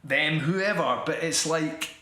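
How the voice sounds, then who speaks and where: A man's voice: on the high side, slow, bright, forceful tone, reverberant. A middle-aged Scottish man, an actor and writer, talking reflectively as an interview guest with many restarts and fillers. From Scotland.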